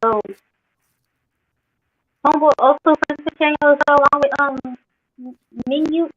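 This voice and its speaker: A woman's voice: sits high, steady tone, a little slow, lo-fi sound. A woman co-host chatting casually over a headset, her choppy audio sounding robotic and metallic, her speech slangy and hesitant with restarts. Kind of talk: casual chat.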